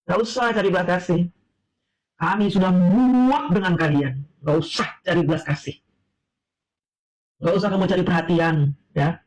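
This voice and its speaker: A man with a high voice gives casual reaction commentary. He mocks and taunts, throwing out one rhetorical question after another. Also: moderate pace, pauses often, poor audio. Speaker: reaction video host.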